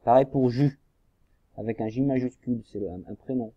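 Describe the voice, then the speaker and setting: A primary school teacher with a mid-range voice patiently guides young children through reading workbook exercises, spelling out syllables at a fairly quick pace. The lo-fi recording has no echo.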